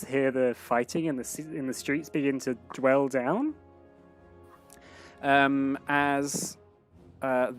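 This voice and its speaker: A man narrating a tabletop game as game master in a casual way, with many fillers. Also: mid-range voice.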